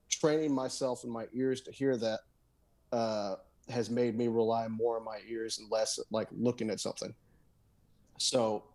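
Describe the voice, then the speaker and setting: A guest guitarist and songwriter with a medium-pitched, slightly mellow voice appears on a podcast. His casual conversation rambles loosely, full of fillers, restarts and "dude."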